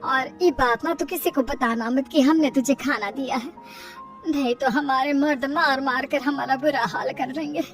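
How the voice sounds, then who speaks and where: A woman voicing a timid, resigned older mother-in-law who gives hushed advice. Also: high-pitched, fairly even intonation, normal speed, recorded from a distance, soft background music, lightly acted.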